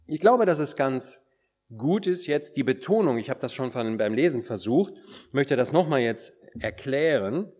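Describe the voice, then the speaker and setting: A man preaching a sermon, acting out quoted words and dropping at times into hushed whispers for solemn points. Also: mid-range voice, normal speed. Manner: animated, swings between emphatic calls and hushed whispers.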